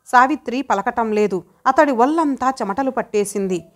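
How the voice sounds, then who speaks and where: A woman reading an audio story aloud as its narrator, in a measured, dramatic way. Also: a little high. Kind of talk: scripted narration.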